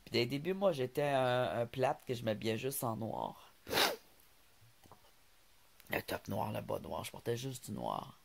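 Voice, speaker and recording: A man's voice: mid-range voice, big pitch swings, a little slow, vocal fry, pauses often, background noise. A man with a Québécois French accent, telling rambling stories in a casual vlog, laughing often and stumbling on some words. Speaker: vlogger.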